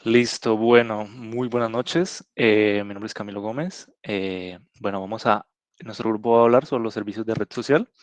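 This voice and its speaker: A young man opening a group presentation in an online class, filling pauses with "eh" and "pues". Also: lowish voice, no echo. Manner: hesitant, fills with "eh" and "pues". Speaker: student presenter. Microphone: video call.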